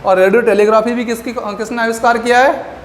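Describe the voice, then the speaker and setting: A man's voice: extremely high pitch, steady tone, brisk. A man teaching a lecture class, asking questions and answering them himself with memory tricks. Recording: echoey room with faint background noise.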